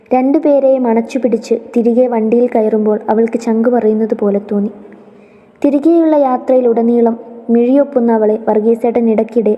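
A woman storyteller narrating a story in a steady, tender manner. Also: a little high, in a large hall, phone-quality sound.

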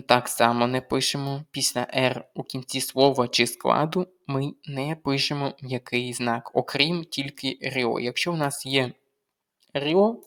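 A tutor teaching an exam-prep grammar lesson at an unhurried, measured pace. The voice sits at a middle pitch and pauses on each letter it spells out. Example words come one at a time, like a dictation. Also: a bit bright. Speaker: Ukrainian language tutor.

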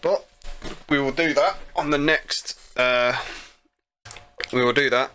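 A man's voice: mid-range voice, slow pace, bright, forceful tone, a little hiss or hum. A young man chatting casually and rambling through a driving game while hosting friends. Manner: rambling, easygoing, swears casually. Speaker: gaming channel host. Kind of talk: casual gameplay chat with friends. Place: home room at a desk.

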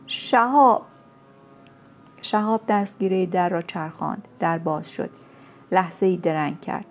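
A woman reads a romance novel aloud in a measured, storytelling way. Her voice carries a gravelly texture. The recording sounds dull and lo-fi. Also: fairly low pitch, darkish tone, a little hiss or hum. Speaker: audiobook narrator. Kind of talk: scripted novel narration.

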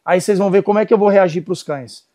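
In this casual instructional session, a middle-aged Brazilian dog trainer talks quickly in a high-pitched voice with a Brazilian Portuguese accent. He tells lively stories while directing both the dogs and his helpers.

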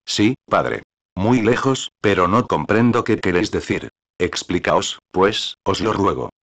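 Male narrator doing young nobleman, cold and dignified, low pitch. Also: lively intonation, unhurried, fairly bright tone, heavily acted. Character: proud, reserved young gentleman son.

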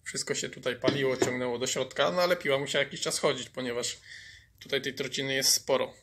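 A man's voice: mid-range voice, fairly even intonation, quick pace, a bit bright, slight background noise. A man restoring an old chainsaw on his workshop bench, explaining each fault as he goes, with many fillers and repeated words. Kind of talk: workshop repair commentary.

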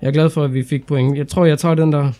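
A young Danish man commenting on his own football game playthrough, excitable and casual, shouting at big moments. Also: fairly high pitch. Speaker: gaming YouTuber. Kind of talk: excited let's-play commentary.

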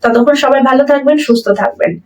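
Slow, clear woman teaching English. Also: high voice, fairly even intonation, darkish tone, recorded from a distance, low-quality recording. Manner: explains in Bengali, says English sentences slowly and deliberately. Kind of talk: spoken English lesson.

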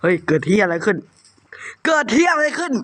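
A young man with a cold and a runny nose, giving loud, profane commentary on a horror game, swearing and yelling at the ghosts. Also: high-pitched, very animated, fast. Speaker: gaming YouTuber playing a horror game. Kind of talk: profane live gameplay commentary.

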